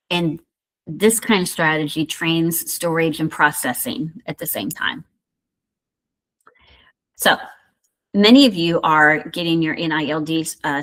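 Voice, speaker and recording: A middle-aged woman with a Southern American accent, sitting at the lower end of the usual female range, talks through a recorded university lecture. She speaks conversationally, scattering fillers and side remarks through her points. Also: fairly bright tone. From Indiana. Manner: conversational, many fillers and asides. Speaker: university instructor.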